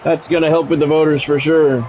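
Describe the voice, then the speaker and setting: A middle-aged gaming streamer calls a sports video game like a radio play-by-play announcer, firing off short clipped calls with casual, salty asides. His voice sits on the high side with little pitch movement and a fairly quick pace. The recording is muffled, with faint music in the background.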